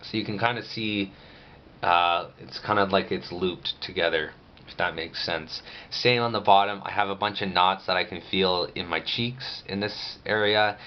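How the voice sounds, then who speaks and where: A man's voice: low-pitched, smooth, muffled recording. A man giving a casual, rambling video diary update, speaking matter-of-factly with restricted jaw movement after jaw surgery.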